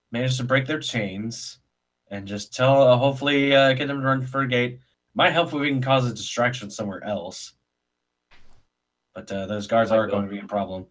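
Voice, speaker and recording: A man's voice: medium pitch, a bit bright. A man in a tabletop game session, talking in a laid-back, drawling way. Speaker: player. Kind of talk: tabletop role-play chat.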